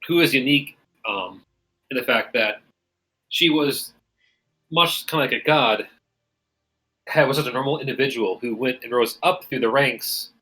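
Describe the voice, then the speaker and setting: A man's voice: mid-range voice, sharp tone, slightly rough, poor audio. A man narrating and explaining lore as game master of a tabletop game, in a rambling, casual way with many fillers.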